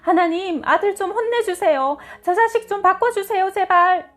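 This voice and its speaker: A furious middle-aged mother, voiced by a woman reading a storybook aloud, shrieks her insults in a shrill, strained voice pitched well above her usual tone. The voice is raised and harsh from start to finish, and faint music plays underneath. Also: big pitch swings, normal speed. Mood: wailing prayer.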